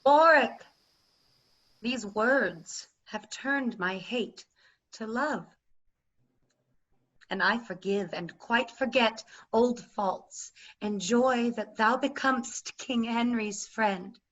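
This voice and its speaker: Woman playing Queen Margaret, bright and forceful. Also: on the high side, takes it slowly. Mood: gracious. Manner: declamatory, formal verse delivery. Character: proud, wronged warrior queen Margaret. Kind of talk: staged reading of Shakespearean verse drama. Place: remote video call. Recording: slightly dull video-call audio.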